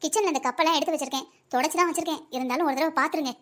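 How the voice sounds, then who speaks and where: A fussy older wife and grandmother in a cartoon, voiced by a woman, speaking high and fast with a South Tamil Nadu accent. She pleads with and bosses her husband around in a rapid patter. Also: fairly bright tone. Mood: bossy. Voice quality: pleading, busy, bossy. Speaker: voice actor in a family cartoon. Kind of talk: cartoon family comedy acting.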